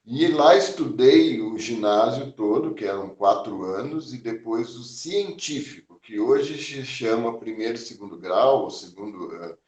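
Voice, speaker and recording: A man in his sixties from southern Brazil, a physician calmly recounting his life in an oral history interview, with many small fillers. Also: mid-range voice, roomy sound, recorded from a distance. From Porto Alegre, southern Brazil. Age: 60s. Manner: measured, reflective, frequent "né?" and "eh" fillers.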